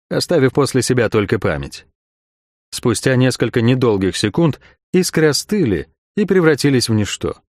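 A male narrator reads dark fantasy in a measured, dramatic manner, pitched in the middle range. The recording is close and bone-dry, with no room around it. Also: no room sound. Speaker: audiobook narrator.

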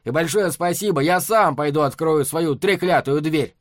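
A man's voice: fairly high pitch, normal speed, no echo, clean studio sound, lightly acted. A man voicing an indignant, blustering grown man confronting his brother in an audiobook. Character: angry grown man, a clumsy homebody brother.

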